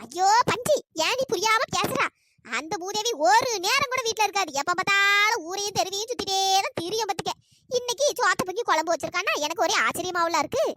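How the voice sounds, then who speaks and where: A woman doing a shrill gossiping old village woman. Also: quick pace. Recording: noisy home recording.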